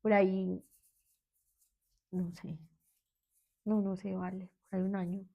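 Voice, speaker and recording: A woman's voice: medium pitch, little pitch movement, takes it slowly, vocal fry, muffled recording. A woman in her thirties with a Medellín Colombian accent, a therapist telling her own story in an interview, candid and hesitant, often restarting. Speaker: guest, therapist.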